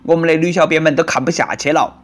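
A man's voice: on the high side, steady tone, fast. A man with a Nanchong Sichuanese accent, delivering comic news commentary in a sarcastic, bantering way.

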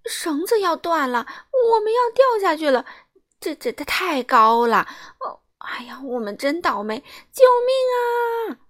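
A woman voicing a timid little man in a children's storybook, crying out in panic with loud exclamations. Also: sits high, animated, measured pace. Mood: panicky. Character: timid little man who calls himself brave.

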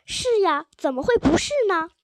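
A woman's voice: extremely high pitch, expressive, moderate pace, no room sound, studio quality. A woman reading a storybook aloud, voicing a young mother who fondly teases and scolds her child. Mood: fond teasing. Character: teasing affectionate young mother.

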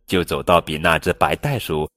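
A man reading a children's picture book aloud in a storytelling voice, with light music behind. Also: extremely low pitch. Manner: slow, lively storytelling. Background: light background music.

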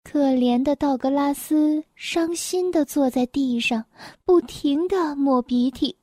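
Bright-voiced woman reading a picture book. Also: high-pitched, dry recording, studio quality. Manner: gentle, clear, slow and expressive. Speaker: storyteller.

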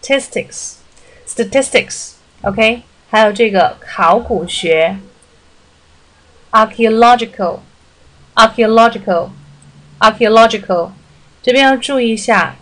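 A woman teaching vocabulary in a friendly, chatty way, slowly repeating words to show how they are said. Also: medium pitch, poor audio. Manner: slowly repeats English words to stress the pronunciation. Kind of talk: vocabulary lesson podcast.

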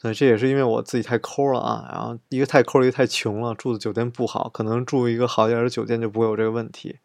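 Gravelly-voiced man telling a travel story. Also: mid-range voice, flat delivery, racing, darkish tone, no room sound, studio quality. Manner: chatty, retells scenes with quoted dialogue. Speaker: travel vlogger. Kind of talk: casual storytelling monologue.

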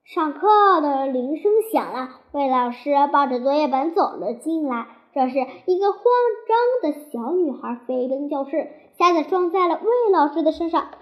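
Woman, high voice, childlike, lively, storybook narration, muffled lo-fi recording. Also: moderate pace, few pauses.

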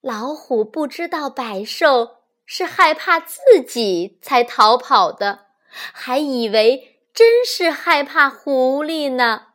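A woman hosting a children's reading show, telling fables to the listeners in a gentle storytelling voice. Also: high voice, lively intonation, takes it slowly. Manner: gentle, addresses listeners as darlings. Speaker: children's textbook reader, host.

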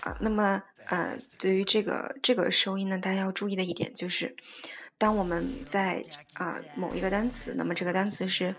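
A woman teaching a language lesson, explaining word by word and repeating each example slowly and patiently. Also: mid-range voice, little pitch movement, soft background music.

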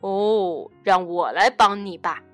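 A woman doing a low, slow kindly hedgehog. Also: a bit bright, soft background music. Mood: helpful. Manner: slow, lowered, drawn-out delivery. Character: chilly sniffling male hedgehog neighbor, kindly.

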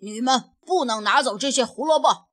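A woman voicing a bossy big male bully rabbit in a storybook, loud and blustering. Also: fairly high pitch, big pitch swings, unhurried, breathy edge, full character voice.

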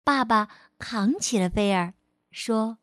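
A woman telling a storybook tale to small children in a gentle, coaxing way. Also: on the high side, slow, no room sound, studio quality.

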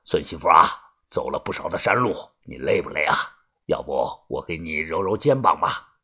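A man voicing a gruff, ruthless old tomb-raider boss in a low, husky mutter. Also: animated, moderate pace, pushed and bright, full character voice. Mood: coaxing.

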